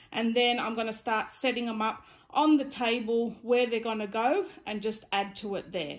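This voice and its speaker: A woman with a high voice and an Australian accent chats casually through a hands-on craft demonstration. She has a slight lisp, as if speaking with a retainer in. There is noticeable background noise in the recording. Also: low-quality recording. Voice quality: slight lisp from wearing clear retainer-style aligners. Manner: informal, chatty demonstrating while handling items. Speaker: DIY craft vlogger.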